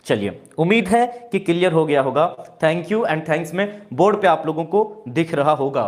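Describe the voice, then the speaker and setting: A man's voice: a little high, animated, a little slow. A man teaching English in Hindi during a live online class, who keeps calling viewers "dear" and repeats each point. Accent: Indian. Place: classroom with a board.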